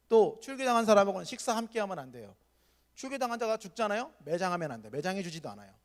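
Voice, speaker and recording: A male pastor with a high voice delivers a sermon. He tells the story with energy and gives each quoted speaker a voice of his own. His words ring out with a long reverb that fills a big hall. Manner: animated storytelling, acting out quoted characters. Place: church hall.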